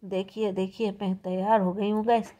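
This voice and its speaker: A young woman from India, chatting casually to her viewers as she walks them step by step through her prep, with quick excited exclamations. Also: medium pitch. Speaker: prank vlogger. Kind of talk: casual vlog narration to camera.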